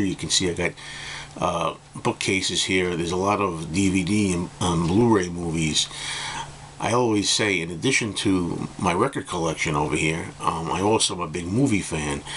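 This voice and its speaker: Reviewing albums to camera from an indoor room full of bookcases, this middle-aged vlogger has a low, fairly bright voice with a slight just-woken hoarseness. His casual talk rambles, hesitates and revisits points, with faint background noise.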